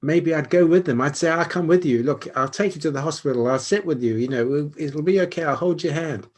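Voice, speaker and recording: Man doing earnest client voice, reassuring, slightly higher, husky. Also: brisk, lightly acted.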